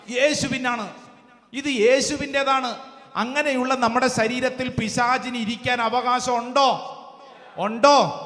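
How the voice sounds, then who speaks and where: A priest with a high voice preaches fervently, quizzing his congregation with rapid questions. His voice rings through a large church hall on a PA microphone, with a long, echoing tail after each phrase. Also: fairly bright tone. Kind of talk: sermon with call-and-response.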